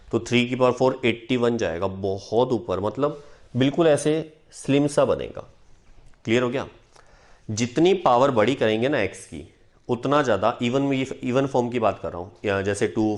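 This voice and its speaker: A man teaching a math lesson at a board, often stopping to check that students follow. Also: medium pitch. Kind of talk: whiteboard lesson.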